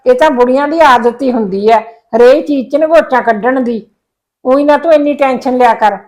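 In a Punjabi web drama, an actress plays a caring middle-aged mother, gently coaxing and reassuring her daughter in a soothing tone. Her voice is high-pitched but darkish, at normal speed, lightly acted, and the recording quality is low.

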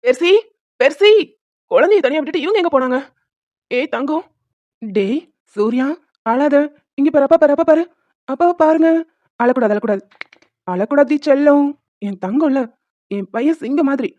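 A woman's voice: sits high, expressive, normal speed, pauses often, dark tone, no room sound, lo-fi sound. Woman voicing a tearful young husband. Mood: soothing baby. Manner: emotional, tearful pleading. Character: young grieving husband and doting father. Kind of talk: cartoon voice acting.

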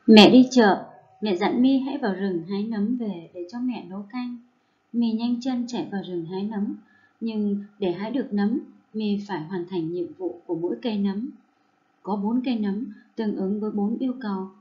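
A woman primary school teacher giving a recorded lesson to first graders, reading rhymes and words aloud slowly and clearly. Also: mid-range voice, muffled recording.

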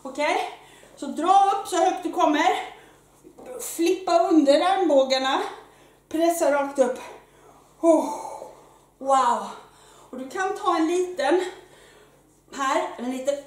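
A woman fitness coach who is out of breath, leading a workout with energetic, loud exclamations while she exercises. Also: high-pitched, pauses often. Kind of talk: live workout instruction. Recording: very echoey room, mic far off, faint noise.

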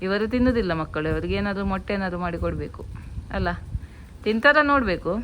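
A woman, a mother chatting casually in her home vlog and gently coaxing her child. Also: mid-range voice, expressive, quick pace, a little hiss or hum.

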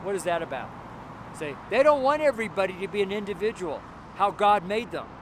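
A man's voice: sits high, expressive, a little fast, low-quality recording. A middle-aged man preaching a street sermon outdoors on a sidewalk, speaking emphatically and rambling with fillers and chuckles, recorded on a close handheld camera. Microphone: camera held close, selfie framing. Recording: outdoor street with audible traffic noise. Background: passing traffic.

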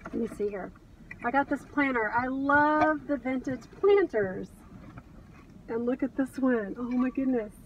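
A middle-aged American woman with a high-pitched voice chats casually to camera from inside her car, gushing enthusiastically as a reseller vlogger showing off her thrift finds. The audio is dull, picked up by a distant mic in the car cabin with background noise.

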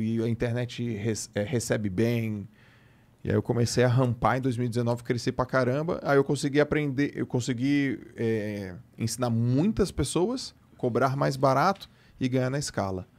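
A man in his late thirties with a Brazilian Portuguese accent, telling a story as a podcast guest in casual chat and acting out the dialogue. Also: medium pitch. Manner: animated storyteller who acts out quoted dialogue.

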